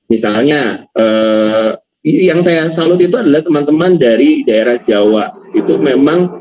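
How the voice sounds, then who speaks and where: Lively male speaking coach, lo-fi call. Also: a little high, a little slow. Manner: lively, stresses words to demonstrate intonation; casual, slangy asides with light laughs. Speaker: public speaking trainer. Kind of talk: online workshop lesson. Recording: lo-fi video call audio.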